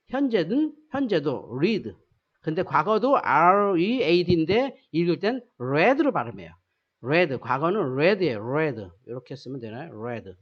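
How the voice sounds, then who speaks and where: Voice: medium pitch, breathy edge. Teacher drilling grammar with questions. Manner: asks rhetorical questions and answers them; repeats key phrases to drill them. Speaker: English teacher. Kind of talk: recorded grammar lesson. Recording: dull lo-fi sound.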